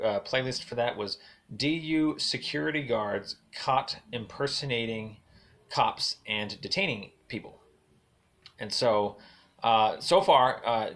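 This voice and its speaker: A man leaving a long voicemail as a caller, speaking in a halting way with many fillers and a formal complaint tone. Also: mid-range voice, fairly bright tone.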